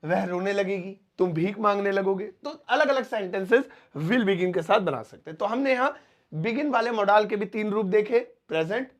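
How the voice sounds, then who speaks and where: A man teaching spoken English who explains patiently, calls his viewers friends and repeats each example sentence slowly, word by word. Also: sits high.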